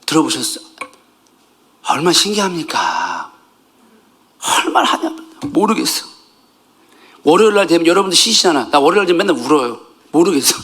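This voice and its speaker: Lively, bright-voiced man preaching. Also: on the high side. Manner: animated, swings between loud outbursts and soft asides, jokes with the congregation. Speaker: pastor. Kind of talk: conversational sermon.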